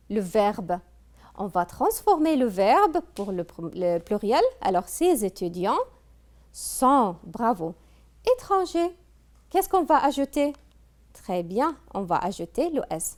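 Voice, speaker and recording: Slow, lively-voiced woman teaching French grammar. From Kuwait. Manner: slow, drawn-out teacher talk with lively pitch, prompting students. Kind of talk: classroom grammar lesson.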